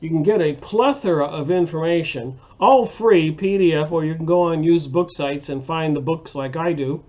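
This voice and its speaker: A man's voice: fairly high pitch, moderate pace, hardly any pauses, darkish tone, lo-fi sound. A man hosting a casual book review monologue, rambling and hesitant with many fillers and restarts. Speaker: video host reviewing books.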